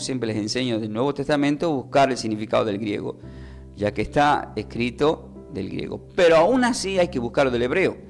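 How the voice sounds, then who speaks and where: Male preacher, mid-pitched, teacherly radio Bible lesson, faint music under the voice. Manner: teacherly, asks and answers own questions; repeats words slowly when explaining.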